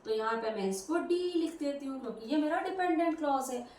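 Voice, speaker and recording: Female grammar teacher, high voice, patient step-by-step explainer, recorded in a roomy space with the mic set back. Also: expressive, fairly quick, darkish tone. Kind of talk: classroom grammar lesson. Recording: roomy echo, voice from a distance.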